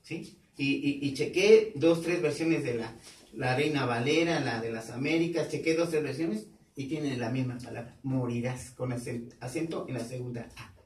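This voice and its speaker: Pastor preaching in an echoey hall. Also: male voice, mid-range voice, moderate pace, far from the mic. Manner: quizzes the congregation with questions, repeating key words. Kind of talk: teaching sermon. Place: church hall.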